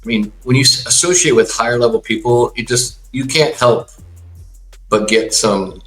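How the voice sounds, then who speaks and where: A man's voice: mid-range voice, moderate pace, fairly bright tone, soft background music, low-quality recording. A man in his sixties, a guest in a casual conversation, who talks agreeably and often chimes in. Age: 60s.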